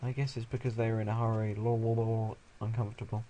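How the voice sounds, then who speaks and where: A young man reading a visual novel aloud, breaking off into sarcastic, crude, deadpan asides. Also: on the low side, fast talker, slight background noise. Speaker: let's play host.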